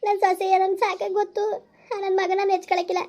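A woman's voice: extremely high pitch, little pitch movement, fast talker, a little mellow. A woman playing a poor widowed mother pleading. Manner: pleading, tearful, humble. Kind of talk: village comedy skit acting.

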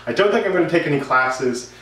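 Brisk and expressive, this woodworking vlogger in his thirties rambles conversationally to camera in his indoor home workshop. His voice is a little high and a bit bright, and the recording is roomy, distant and noisy.

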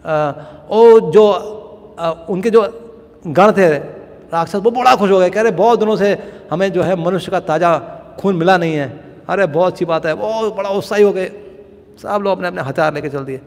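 High-voiced man telling a scripture story. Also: long reverb tail. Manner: lively storytelling, with chuckles. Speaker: lecturer on scripture. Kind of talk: devotional scripture class.

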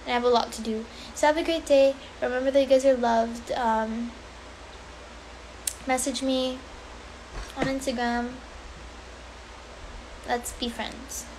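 A woman talking straight into her phone on a casual livestream, chatty and reassuring as she answers questions from fans. Her voice sits a little high, with a faint hiss behind it. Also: fairly even intonation, slow, pauses often. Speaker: social media personality on a livestream.

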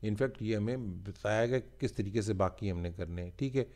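A male teacher with a Pakistani accent walking students through a workbook, explaining in Hindi-Urdu and reading English lines slowly word by word. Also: on the low side, mellow. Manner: repeats filler "theek hai ji" often. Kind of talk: workbook lesson walkthrough.

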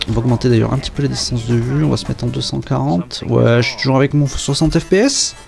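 A man's voice: medium pitch, quick pace, creaky, darkish tone, soft background music. A man casually commenting on a game as he plays, chatty and hesitant, with many fillers and joking asides. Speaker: game video presenter.

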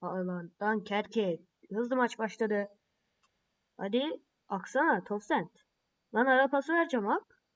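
Woman gamer calling her own football match, higher-pitched, quick to get excited or fed up. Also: highs cut off. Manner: excitable, frustrated outbursts, play-by-play calls. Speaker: mobile game player. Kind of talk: playing and commenting on a mobile football game.

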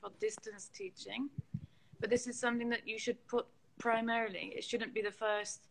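A woman's voice: on the high side, fairly even intonation, normal speed, vocal fry, a little hiss or hum, rough recording. A woman educational coordinator answering interview questions over a video call on a choppy connection with clicks, explaining her points step by step. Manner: explains points step by step, repeating phrases for emphasis.

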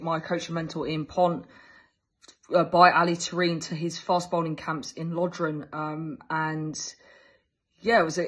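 An English woman in her thirties, a fast bowling coach in cricket, answers interview questions enthusiastically over a video call on earbuds from a small indoor room. Her voice is husky, a bit bright, and on the low side, with frequent fillers and restarts.

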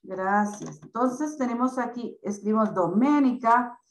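A woman teaching young children in an online class, explaining slowly and patiently. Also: on the high side, lively intonation, roomy sound, poor audio. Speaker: primary school teacher.

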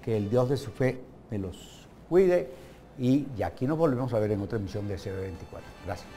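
A man's voice: on the low side, lively intonation, fairly quick, over music. A man in his sixties hosting a TV commentary show in a studio, sarcastic and trailing off into mutters. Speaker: TV show host. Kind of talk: opinion commentary. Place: television studio set.

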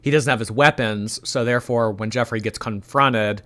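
Reacting to chat with laughter and plenty of energy, a young man on a live stream reads donations and talks casually. His medium-pitched voice is a little stuffy and nasal, moving at normal speed.

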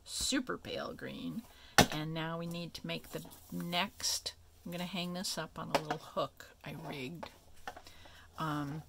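A woman hosting a craft tutorial, explaining each step in a relaxed, chatty way with many ums and asides. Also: fairly low pitch, a little hiss or hum. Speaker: craft video host.

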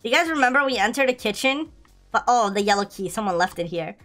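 High-voiced woman, scared horror game streamer. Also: lively intonation, fast talker, a bit bright, faint music behind. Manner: scared horror game streamer, shrieking and pleading in mock fright; repeats phrases, slangy "dude". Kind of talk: excited playful gameplay commentary.

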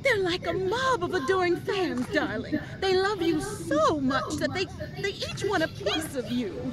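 A woman's voice: very high-pitched, big pitch swings, a little slow, heavily acted. An actress voicing a flamboyant, theatrical showbiz woman in a video game, gushing and calling everyone darling. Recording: game audio under loud music.

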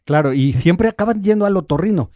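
A man, a doctor on a radio talk show, explains things calmly and step by step. His voice sits a little high but sounds warm and relaxed. It is recorded dry on a close studio microphone. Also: a little fast, dry recording. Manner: calm, explanatory, walks through a quiz step by step. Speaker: gastroenterologist guest.

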